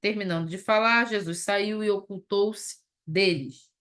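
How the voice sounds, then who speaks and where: A woman teaching a Bible study lesson. She reads scripture slowly, then explains it in a conversational way. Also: medium pitch, fairly bright tone.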